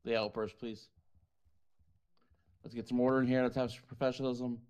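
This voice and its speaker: A man playing a judge in a courtroom role-play game, speaking calmly and patiently to keep order. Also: mid-range voice, brisk, smooth. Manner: calm, patient, repeats "hold on" to keep order.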